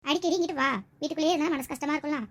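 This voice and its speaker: A woman voicing a kind but blunt young village wife who talks in a lively way. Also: sits high, rapid-fire. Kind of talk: village comedy skit acting.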